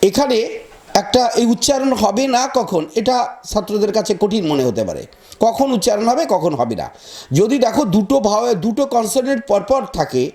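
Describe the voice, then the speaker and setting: A man's voice: extremely high pitch, a little mellow. A man teaching a pronunciation lesson, spelling words out letter by letter and talking straight to his students. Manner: talks to students directly, repeating words slowly.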